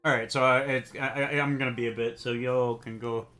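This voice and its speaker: A man playing a tabletop game, chatting casually with halting restarts. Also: medium pitch, flat delivery, sharp tone, soft background music. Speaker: player.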